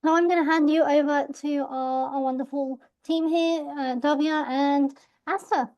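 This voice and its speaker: A woman's voice: high-pitched, fairly even intonation, moderate pace, darkish tone, dry recording. A woman hosting a webinar, welcoming the audience in an upbeat way with a few fillers. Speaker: webinar host. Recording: dry, slightly dull video-call audio.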